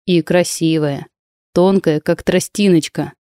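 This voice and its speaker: A woman reading an audiobook, voicing a playful, joking man of about thirty with slow, drawn-out teasing lines. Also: fairly low pitch, warm tone, no echo, studio quality, lightly acted. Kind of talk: audiobook character voice.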